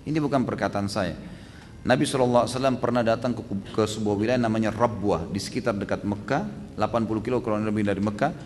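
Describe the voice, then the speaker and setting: A man preaching and answering questions at a religious study session, fast and emphatic, with many rhetorical questions. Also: lowish voice, a little mellow, long reverb tail, a little hiss or hum.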